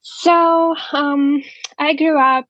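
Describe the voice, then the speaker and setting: A woman in her twenties with a Ukrainian accent, telling her story as an interview guest, slow and halting with many pauses. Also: sits high, steady tone, no room sound, muffled recording. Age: 20s. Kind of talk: interview testimony.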